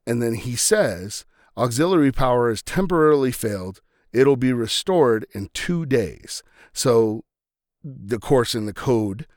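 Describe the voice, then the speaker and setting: A man's voice: medium pitch, no echo. Enthusiastic man in dry podcast talk. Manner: enthusiastic, conversational, with fillers and "right?" asides. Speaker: podcast host. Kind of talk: casual film commentary.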